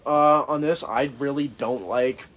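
A man's voice: medium pitch, fairly even intonation, unhurried, a bit bright. A young American man in a casual sports chat, talking like a frat bro with slangy bragging. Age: young adult. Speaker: podcast co-host.

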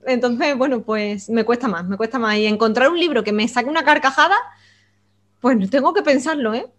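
High-voiced woman musing on books. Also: brisk. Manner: hesitant, reflective, with many restarts. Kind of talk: casual book chat.

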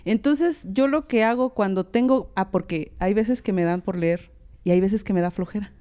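A woman's voice: medium pitch, normal speed. A woman with a Mexican accent, a former librarian, chatting as a guest and acting out the dialogue in her stories. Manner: lively storytelling, acts out quoted dialogue. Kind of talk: casual chat.

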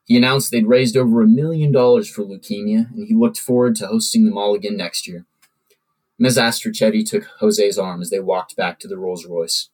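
A man, a podcast host, reading his own original fiction aloud in steady storytelling narration. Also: lowish voice, normal speed, rough recording.

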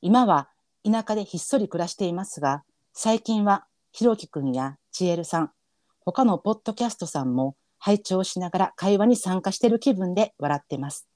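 A man's voice: sits high, animated, normal speed, darkish tone, no echo, clean studio sound. A man with a Kansai accent co-hosting a podcast, reading a listener's letter aloud and then laughing and apologizing. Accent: Kansai Japanese. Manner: earnest reader, then giggly and apologetic. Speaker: podcast co-host.

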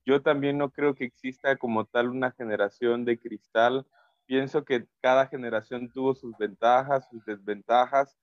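Measured man, dull lo-fi sound. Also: medium pitch, steady tone, dry recording. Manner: measured, thoughtful, with hesitant fillers. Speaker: podcast co-host. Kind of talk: casual faith podcast discussion.

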